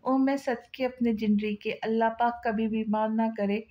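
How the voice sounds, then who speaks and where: Female narrator voicing a tender young man, soft and coaxing, dull lo-fi sound. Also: on the high side, fairly even intonation, moderate pace, lightly acted. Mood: doting.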